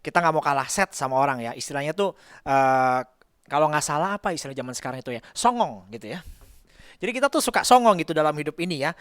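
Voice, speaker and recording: A man preaching in a relaxed, joking way, with an easy chatty manner and frequent calls to the congregation. His voice sits a little high for a man, and the sound is dry and close with almost no room echo. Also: fast talker, clean tone. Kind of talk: casual, joking sermon. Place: church service.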